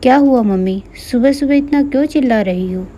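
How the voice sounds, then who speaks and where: A woman's voice: high-pitched, brisk, warm tone. A woman doing a spoiled carefree young daughter. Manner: careless, dismissive.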